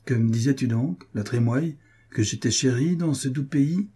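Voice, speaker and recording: Man reading a king, calm, authoritative, dark husky tone. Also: medium pitch, normal speed, close to an everyday voice. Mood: wry. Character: jovial, commanding adult male king.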